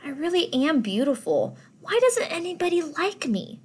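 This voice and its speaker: A woman voicing a vain, proud male fish in a storybook, speaking in a shrill, indignant way. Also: lively intonation, slow pace, breathy edge. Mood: plaintive.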